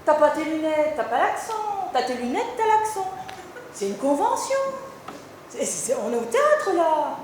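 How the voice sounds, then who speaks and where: A woman's voice: sits high, big pitch swings, moderate pace, darkish tone, heavy reverb, a little hiss or hum. A woman playing an interviewer in a live comedy sketch on a stage, explaining patiently and teasing her partner. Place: stage at a resort show.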